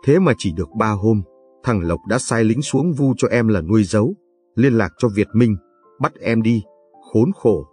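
A man's voice: lowish voice, expressive, normal speed, darkish tone, husky. A man reading the part of a grief-stricken elderly mother who pleads through tears, in an audiobook narration. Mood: tearful pleading. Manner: tearful, pleading. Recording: dry, faint background music.

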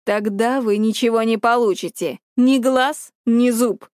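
A woman voicing a bold young male hero who speaks slowly and mockingly. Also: a little high, steady tone, a little mellow, no echo, studio quality, lightly acted. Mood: cocky.

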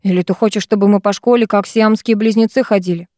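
A woman reading an audiobook, voicing a lanky teenage boy with a calm, mocking manner. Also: mid-range voice, quick pace, no echo, studio quality, close to an everyday voice. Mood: teasing.

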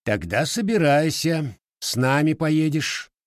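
A man's voice: on the high side, expressive, unhurried, no echo, pitched above the performer's own voice. Male reader doing a bossy police captain, curt and officious, dry close sound. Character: pushy middle-aged male police captain.

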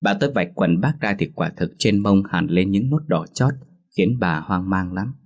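A man narrating a scripted horror story in a steady, measured reading. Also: deep voice.

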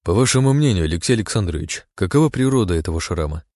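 A man voicing a formal male prince who asks measured questions. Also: sits low, lively intonation, darkish tone, dry recording, clean studio sound.

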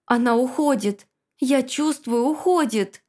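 A woman's voice: high-pitched, moderate pace, a little mellow, natural voice. A woman voicing a desperate pleading female ghost. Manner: pleading, strained.

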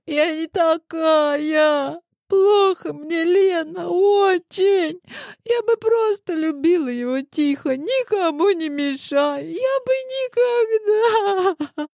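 A sobbing, desperate young mistress, put on by a woman reading aloud, her voice pitched very high and thin with tears. She wails and pleads in an audiobook scene. The sound is dry and close. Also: slow pace, darkish tone, no room sound. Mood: wailing. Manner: high-pitched wailing, tearful. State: crying. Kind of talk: audiobook character voice.

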